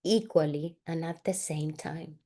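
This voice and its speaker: A woman facilitator, an English speaker, leading a family constellations exercise in a slow, soft-spoken guided-meditation style with long pauses. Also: low-pitched.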